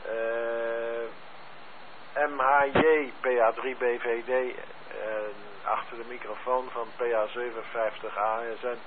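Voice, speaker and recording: A man running an amateur radio net on air, heard over a two-way radio link, easygoing, spelling out call signs with frequent filler pauses. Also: medium pitch, level tone. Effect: heard over a two-way radio transmission. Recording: tinny radio-band sound with faint hiss.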